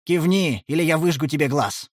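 A man's voice: normal speed, husky, no echo, studio quality. A man growling as a menacing young half-elf. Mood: roaring. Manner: low hissing growl, threatening.

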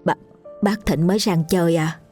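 Frantic middle-aged village wife, shrill and stammering, read by a woman. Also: normal speed, a little mellow, soft background music, natural voice.

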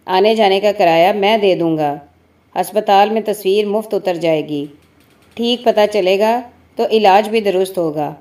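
A woman reading as a calm landowner man. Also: medium pitch, lightly acted.

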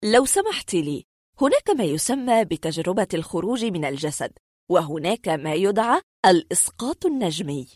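A woman voicing a calm, skeptical male doctor who patiently explains things away, speaking low, soft and lecturing. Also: normal speed, no room sound, studio quality. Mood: explaining. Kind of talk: audiobook reading.

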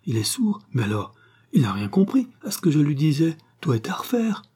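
A man voicing a timid, flustered young gentleman who speaks hesitantly, at times half-whispered, in a storybook reading. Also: medium pitch, steady tone, brisk, pitched above the performer's own voice, lightly acted.

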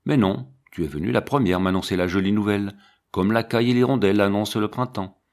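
A man voicing a gentle, humble old monk who tends a convent garden, speaking in a mild, musing way. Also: fairly low pitch, fast, close to an everyday voice.

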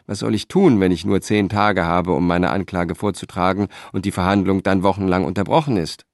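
An exhausted Roman orator who pleads in a strained, raised voice, as a man puts him on. Beneath it sits a low male voice, recorded close and dry. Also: steady tone, fairly quick, dry recording. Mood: pleading. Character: weakened Roman statesman, pleading and despairing.

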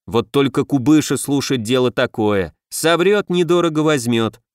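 A man voicing a stern, gloomy demoted dwarf guard in an audiobook, with a lowered, gruff voice. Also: moderate pace, no room sound, studio quality, lightly acted.

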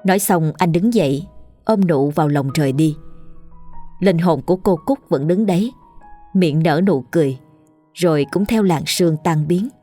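A woman narrating a scripted ghost story at a steady, even storytelling pace. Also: on the low side, normal speed, soft background music.

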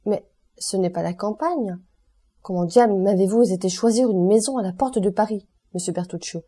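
A woman's voice: mid-range voice, normal speed, dark tone, breathy edge, natural voice. A woman reading the part of an aloof, wealthy male count who speaks in an offhand, commanding way, in an audiobook. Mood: cool, offhand.

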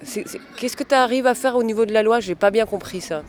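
A man with a high voice works as an interviewer. He asks curious, probing follow-up questions in a casual conversational tone. He is recorded outdoors in a city. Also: quick pace.

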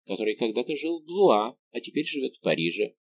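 A man's voice: mid-range voice, big pitch swings, quick pace, highs cut off, slight background noise, lightly acted. A man reading an insistent, commanding young woman who teases her friend in an audiobook. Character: lively bossy young woman, a teasing friend.

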